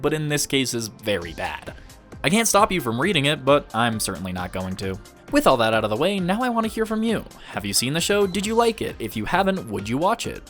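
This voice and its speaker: Speaking slightly high and with a bit of brightness, a male host presents a video essay to his viewers as a review. He mostly follows a script but now and then drops in a casual aside.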